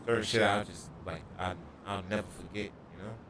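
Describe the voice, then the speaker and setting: A man's voice: lowish voice, steady tone, brisk, background noise. Profane man chatting on a gaming stream. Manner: profane, slangy storytelling. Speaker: livestreamer. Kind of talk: casual gaming livestream chat. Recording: echoey room, distant mic.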